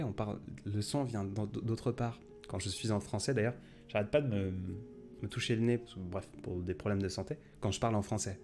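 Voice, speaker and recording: A man's voice: on the low side, dark tone. A man hosting a casual late-night live stream, chatting in a rambling way with many fillers and restarts.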